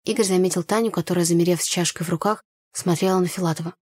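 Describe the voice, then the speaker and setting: A woman reading first-person scripted narration of a story in an even storytelling manner. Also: fairly low pitch, racing, dry recording, clean studio sound. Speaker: audiobook narrator.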